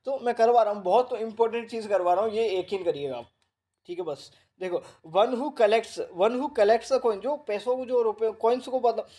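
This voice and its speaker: Male Indian exam tutor, warm and mellow tone, halting English, chatty check-ins with students. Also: high-pitched. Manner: reads English definitions haltingly, then explains in Hindi; repeats tag questions to the class. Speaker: exam coaching teacher. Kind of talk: online vocabulary lesson.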